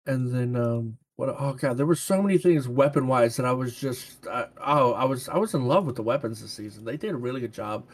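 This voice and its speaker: A man's voice: medium pitch, expressive, fairly quick, few pauses. A man in a casual gaming chat, rambling with lots of fillers and restarts.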